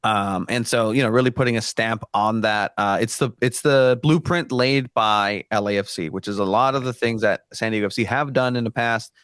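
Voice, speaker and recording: A Mexican man whose first language is Spanish speaks earnestly as a guest in a casual podcast discussion, restarting often and using many fillers. His lowish voice moves at a moderate pace with hardly any pauses and has a slightly bright, clean tone. The recording is dry, with clean studio sound.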